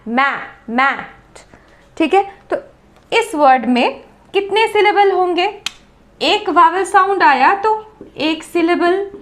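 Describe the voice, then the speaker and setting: Indian lady teaching grammar, high voice, takes it slow, repeats every sound. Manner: slow, deliberate, repeats sounds and words to demonstrate. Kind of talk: classroom-style lesson explanation.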